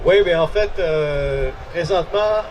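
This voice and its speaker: A man speaking from an outdoor festival stage, halting with many fillers. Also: on the high side, slight background noise.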